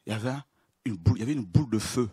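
A man preaching a sermon, moving from low, confiding talk to shouted praise. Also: lively intonation, rapid-fire, husky, no room sound, studio quality.

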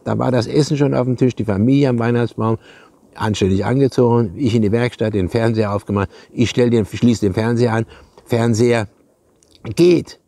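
A man's voice: medium pitch, steady tone, a little fast, creaky, warm tone, no room sound. An older man, a retired radio and TV technician, telling rambling, chatty anecdotes to camera on a lapel mic and calling his viewers comrades. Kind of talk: casual anecdotal storytelling to camera.

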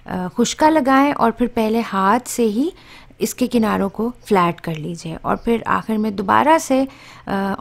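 A woman, narrating a cooking tutorial as channel host and explaining tips step by step. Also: a little high.

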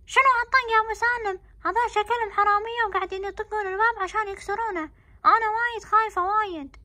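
A fretful mother, played by a woman, anxious and exclaiming in a home-made family drama. Her voice is very high and quick. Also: fairly even intonation, sharp tone. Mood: fearful. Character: fearful mother Umm Salem, middle-aged.

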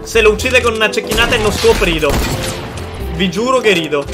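A man's voice: sits high, expressive, fairly quick, music in the background. A man, giving casual reaction commentary on game clips, trying not to laugh, repeating himself with playful mock sympathy. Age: 20s. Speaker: gaming video host. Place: indoor streaming setup.

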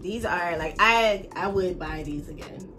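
A woman co-hosting a food review, talking between bites in a relaxed, slangy way and laughing easily. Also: fairly low pitch, unhurried, background noise. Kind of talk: casual food review chat. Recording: music playing under the voice. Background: background music.

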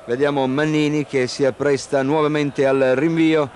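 A man commentates a football match live, in a fairly high, level voice. He names players in short, measured, factual phrases. The recording is an old television broadcast with clear stadium noise behind him. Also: little pitch movement, a little mellow. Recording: noisy old 1990 TV broadcast.

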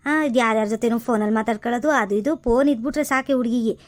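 A woman playing a sharp-tongued older village mother-in-law who scolds and nags with sarcasm, in a comedy skit. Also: on the high side, fast talker, natural voice. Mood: scolding.

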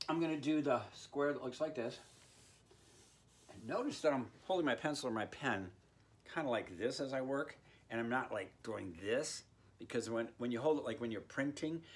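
An older man in his sixties with a mid-pitched voice teaches drawing in an informal, playful way. He talks like a folksy art teacher addressing kids, tossing in sound effects as he works. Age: 60s. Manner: playful, folksy, with sound words like boom and bing-bang. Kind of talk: informal instructional talk while drawing. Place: indoor room with art on the wall.

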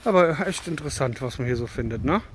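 A man's voice: medium pitch, animated, quick pace, noisy background. A man in his thirties chatting and joking to a handheld camera while walking through a forest. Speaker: bushcraft vlogger. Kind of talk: casual walking vlog. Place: outdoors in a forest. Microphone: handheld camera at arm's length.

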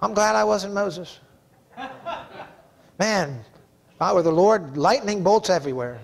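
A middle-aged pastor preaches from the pulpit of a church sanctuary in an emphatic, folksy, conversational style. His voice is high with some vocal fry, and he keeps a measured pace.

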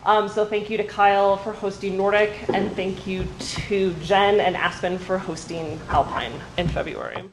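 A woman with a mid-range voice and fairly even intonation speaks at normal speed with hardly any pauses, over a noisy background. As a state athletic association staff presenter, she gives a friendly, informative, um-filled meeting talk to coaches and athletic directors seated in a large room, picked up by a camera at the back.

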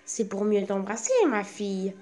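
A woman reading the part of a sly, hungry male wolf in a fairy tale, in a calm, measured voice. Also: medium pitch, natural voice. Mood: menacing.

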